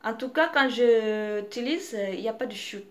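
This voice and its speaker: A woman's voice: on the high side, normal speed. A young woman, not a native French speaker, reviewing makeup in a casual vlog, hesitant, with many fillers and restarts. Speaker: beauty vlogger.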